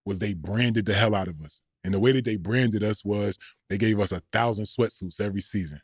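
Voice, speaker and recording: A man's voice: lowish voice, a little fast, husky, no echo, clean studio sound. A middle-aged man, a former pro basketball player, telling slangy, rambling stories as a podcast guest. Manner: laid-back, slangy, rambling. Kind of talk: casual storytelling.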